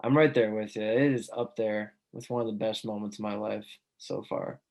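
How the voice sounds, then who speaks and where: A man's voice: fairly low pitch, steady tone, normal speed, a little mellow. A young man co-hosting a podcast in casual chat, earnest and enthusiastic about the things he loves. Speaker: podcast co-host.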